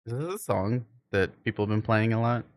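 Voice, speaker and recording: Talking a little fast in a lowish voice, a man streams a game and rambles casually to his viewers. He frequently searches for the right words and is unable to roll his R's.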